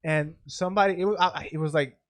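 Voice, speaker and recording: A man's voice: a little high, steady tone. A young man co-hosting a podcast, telling gaming stories in casual, swearing chat. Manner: fast storytelling, swears freely. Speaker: podcast co-host.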